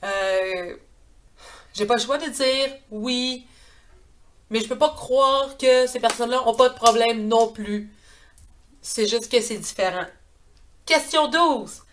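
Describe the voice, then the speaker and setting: A woman's voice: sits high, fairly bright tone. A woman in her thirties with a Quebec French accent, chatting earnestly to a webcam in a small hallway, with many hesitations. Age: 30s. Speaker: vlogger. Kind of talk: casual chat to camera. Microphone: webcam at close range.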